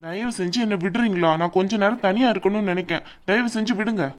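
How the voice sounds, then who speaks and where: A woman's voice: medium pitch, fast talker, lightly acted. A woman voicing a heartbroken young husband in a cartoon drama, who talks wearily and begs to be left alone. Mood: weary pleading. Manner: weary, pleading to be left alone.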